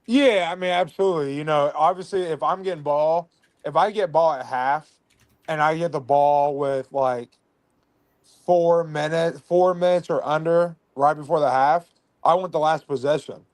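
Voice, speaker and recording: A man's voice: a little high, moderate pace. A man calling into an online sports show, talking trash in a boastful, brash way with plenty of swearing. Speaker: guest player calling in. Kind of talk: trash-talking casual chat.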